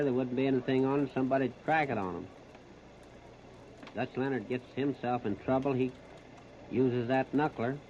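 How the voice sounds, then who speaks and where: An American man with a mid-range, slightly mellow voice calls baseball play-by-play for 1930s radio. He speaks in short, folksy, plain-spoken phrases, preserved on a muffled, noisy disc.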